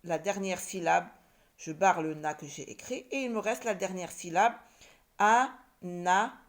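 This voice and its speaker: A woman's voice: on the low side, normal speed. A woman teaching young children to read, sounding out words syllable by syllable and repeating them. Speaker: primary school teacher. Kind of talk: reading lesson for young children.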